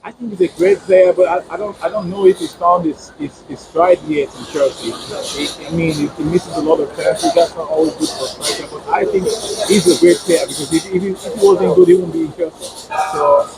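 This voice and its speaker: A man's voice: fairly high pitch, fairly even intonation, brisk. A man giving a casual fan interview outdoors after a match, repeating words for emphasis. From Nigeria. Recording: noisy outdoor setting with traffic.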